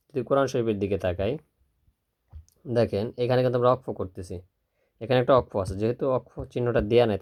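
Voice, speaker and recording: A man teaching Quran recitation step by step, who drills slowly, repeats syllables, and asks and answers his own questions. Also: medium pitch, a little mellow. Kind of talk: step-by-step spelling lesson.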